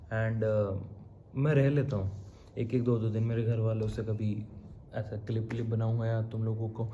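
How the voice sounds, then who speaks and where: A man's voice: fairly low pitch, flat delivery, moderate pace, dark tone, muffled recording, slight background noise. A young man chatting casually in a travel vlog, mixing English words into his talk and calling his viewers bro. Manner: chatty, mixes English into Hindi, says bro often. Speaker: travel vlogger. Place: hotel room.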